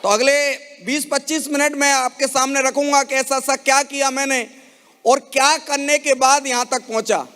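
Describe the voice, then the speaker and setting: A man's voice: extremely high pitch, little pitch movement, normal speed, pushed and bright. A man giving an emotional motivational speech on stage at a network marketing event, rallying the audience with questions. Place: large event hall. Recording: reverberant hall sound.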